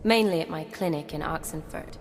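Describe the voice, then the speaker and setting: Shani, earnest young medic. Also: female voice, sits low, brisk, gravelly, long reverb tail, a little hiss or hum. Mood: warm, tired. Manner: urgent, earnest.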